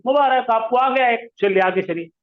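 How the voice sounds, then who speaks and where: A man's voice: extremely high pitch, normal speed. A male teacher, leading a classroom lesson and coaxing students to repeat words aloud. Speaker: Arabic grammar teacher. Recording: roomy, dull lo-fi sound.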